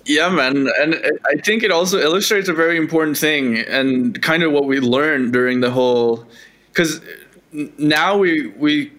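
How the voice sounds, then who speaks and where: Podcast cohost guy, bright sharp voice, walks you through how the agency worked, casual. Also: a little high, moderate pace. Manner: explanatory, steady, casual swearing. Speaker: podcast co-host. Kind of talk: casual business chat.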